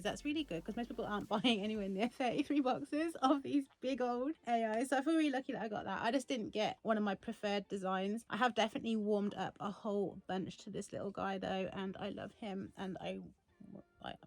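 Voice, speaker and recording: A woman vlogger in casual unboxing chat, giggly and chatty, talking to her toy. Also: medium pitch.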